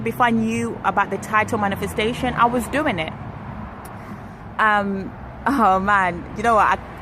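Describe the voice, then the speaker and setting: Young woman vlogging outdoors by traffic. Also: mid-range voice. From Kenya. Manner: chatty, animated, self-correcting. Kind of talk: casual storytelling to camera. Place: outdoors on an urban street, waiting for a ride. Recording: street traffic noise behind.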